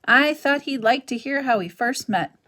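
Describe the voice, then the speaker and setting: A woman reading a children's novel aloud, voicing a big, friendly female otter with a bright, chatty delivery. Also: high-pitched, moderate pace, pitched above the performer's own voice.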